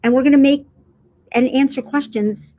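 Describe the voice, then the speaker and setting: A woman's voice: high voice, fairly even intonation, moderate pace, dark tone. Earnest middle-aged woman co-host. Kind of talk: livestream chat.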